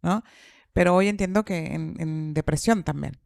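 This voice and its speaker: A woman's voice: on the low side, moderate pace, gravelly, a little mellow, no echo, clean studio sound. A middle-aged woman telling a personal story in casual podcast chat, repeating phrases for emphasis. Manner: acts out quoted dialogue. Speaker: podcast speaker.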